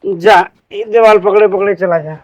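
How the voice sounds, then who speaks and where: A man's voice: high-pitched, fairly even intonation, normal speed, background noise, close to an everyday voice. A man playing a mischievous village drinking buddy in a comedy sketch, cajoling and bossy, with an Awadhi accent. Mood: coaxing.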